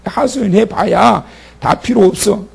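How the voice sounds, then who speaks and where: A man's voice: high voice, measured pace, creaky, husky. A male pastor preaching at a church prayer meeting in a conversational way, asking the congregation questions and having them repeat phrases after him. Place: church sanctuary.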